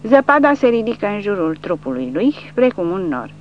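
Woman narrating an audiobook with animated pitch. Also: dull audio, a little hiss or hum. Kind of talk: scripted narration.

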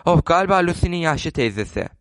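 A man's voice: fairly high pitch, animated, fast talker, dry recording, lightly acted. A man reading the part of a dutiful, slightly flustered woman of the house, speaking earnestly.

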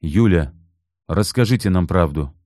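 A man's voice: sits low, lively intonation, unhurried, a little mellow, no room sound, clean studio sound. A man voicing a stern former police officer questioning people in an audiobook reading. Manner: stern, firm, threatening.

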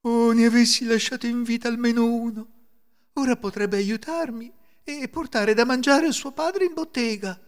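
A man voicing a peasant mother from a folk tale in a high, strained falsetto. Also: expressive, moderate pace, in a large hall. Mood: lamenting. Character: anxious peasant mother, middle-aged woman.

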